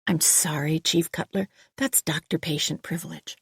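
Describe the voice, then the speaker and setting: A woman's voice: sits low, fairly even intonation, moderate pace, creaky, a bit bright, slightly rough, no room sound, clean studio sound, exaggerated voice. A woman reading a concerned, careful female doctor in an audiobook, polite and earnest.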